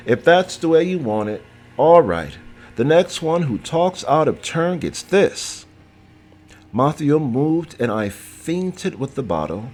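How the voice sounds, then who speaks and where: A man narrating an audiobook dramatically, reading each character's dialogue aloud in a measured delivery. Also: medium pitch, darkish tone.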